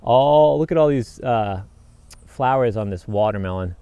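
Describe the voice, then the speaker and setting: Guy in his 30s rambling cheerfully thru his garden, handheld cam outdoors, dry close sound, regular pitch. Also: lively intonation, a little slow, warm tone, clean tone, dry recording. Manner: upbeat, rambling, with frequent fillers and self-corrections. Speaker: homesteader vlogger. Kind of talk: casual garden walk-through. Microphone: handheld action camera at arm's length.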